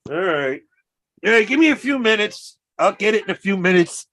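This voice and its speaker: Excitable stream host talking straight to his viewers, with a lively, bright voice. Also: sits high, normal speed, no echo, studio quality. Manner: excitable, addressing viewers directly. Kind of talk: casual live-stream chat.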